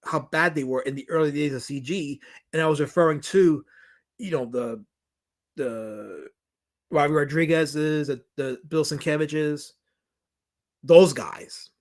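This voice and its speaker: Speaking a little slowly in a higher voice, this New York-accented filmmaker chats casually on a livestream. He goes through viewers' questions emphatically, repeating himself and often starting over.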